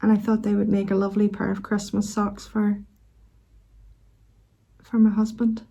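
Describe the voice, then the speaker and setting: A middle-aged woman with a Northern Irish accent chats casually as a vlog host, gently and unhurriedly, with hesitant pauses. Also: mid-range voice, monotone, gravelly. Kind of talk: casual chat to camera.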